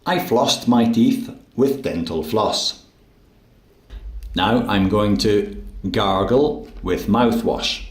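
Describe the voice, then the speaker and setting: Male English teacher, slow and deliberate, somewhat low voice, roomy recording. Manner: clear, deliberate teaching delivery. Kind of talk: slow, simple narration of daily actions.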